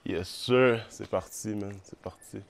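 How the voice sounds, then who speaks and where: A man with a Quebec French accent films a casual running vlog on his phone outdoors on a road, sick and out of breath as he talks to the camera mid-run and mixes in English slang. His voice is on the low side, steady, unhurried, and creaky, and loud outdoor noise fills the recording.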